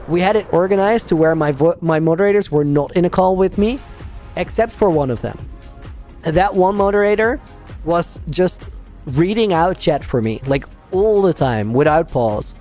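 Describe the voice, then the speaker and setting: A man's voice: sits high, animated, normal speed, warm tone, faint music behind. A man streaming a game, chatting casually with viewers, rambling and laughing often while reading out names. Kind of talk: casual livestream chat while playing a game.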